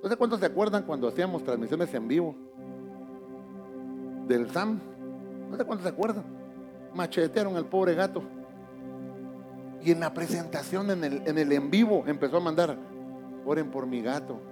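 A middle-aged man preaches a sermon from the pulpit with a notably high-pitched voice. He swings between booming emphasis and hushed asides. Faint music plays beneath him. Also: moderate pace, long pauses. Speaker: pastor.

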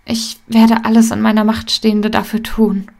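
A woman reading the quiet, tired lines of a wounded female warrior. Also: a little high, completely flat delivery, moderate pace, vocal fry. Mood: weary.

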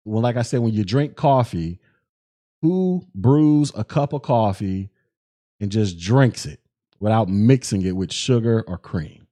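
A young man hosting a solo podcast, talking in animated, slang-heavy commentary full of restarts and repeated words. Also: fairly low pitch, a little slow. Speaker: podcast host.

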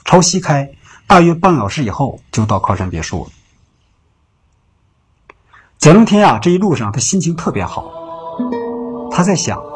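A man narrating a late-night story in an unhurried, conversational way. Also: on the high side. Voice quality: very husky. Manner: unhurried, conversational telling with filler particles.

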